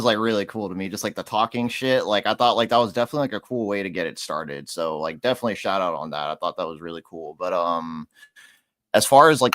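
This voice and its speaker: Low, lively enthusiastic male reviewer. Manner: enthusiastic, peppered with "like". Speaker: music reviewer. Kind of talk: casual review chat on a live stream. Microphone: online call.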